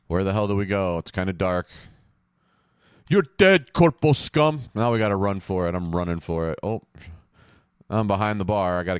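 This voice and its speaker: A man casually narrating his video game play to himself, rambling, swearing and getting loud during fights. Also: deep voice, clean tone, dry recording, clean studio sound. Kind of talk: casual let's-play commentary. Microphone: headphones on, close podcast mic.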